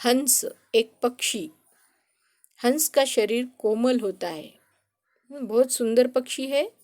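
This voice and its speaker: A woman's voice: on the high side, slow, darkish tone. A woman teacher giving a grammar lesson to children, patiently explaining and answering her own questions.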